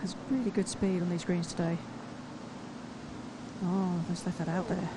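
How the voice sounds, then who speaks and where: A woman's voice: on the low side, level tone, moderate pace. A woman giving live analysis as a golf commentator on the course. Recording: very noisy outdoor broadcast.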